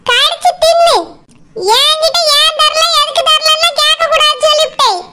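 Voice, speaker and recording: Woman doing a very high shrill cartoon mother-in-law, tirunelveli tamil accent, mocking and bossy. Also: steady tone, normal speed, sharp tone. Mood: scolding.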